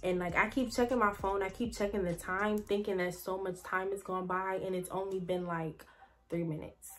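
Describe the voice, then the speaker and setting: Young woman vlogger, casual rambling storyteller, mid-pitched, faint music bed. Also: steady tone, normal speed. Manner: chatty, rambling, heavy "like" fillers, addresses viewers as y'all.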